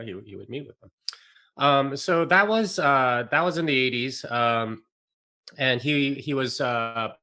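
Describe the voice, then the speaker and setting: Bright-voiced man, rambling interview guest. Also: medium pitch. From South Korea. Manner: rambling, many fillers and restarts, laughs often. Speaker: podcast guest. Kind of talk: casual interview chat.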